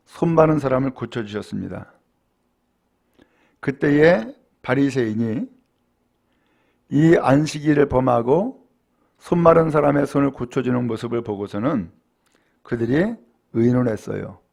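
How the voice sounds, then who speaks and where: A man preaching a sermon as pastor. He asks rhetorical questions and swings from hushed, low storytelling to raised, emphatic preaching. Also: vocal fry. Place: church.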